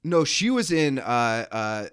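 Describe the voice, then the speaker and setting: A man co-hosting a film podcast in a relaxed, agreeable way, laughing easily. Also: medium pitch, takes it slowly, clean tone, no room sound, studio quality. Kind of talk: casual film chat.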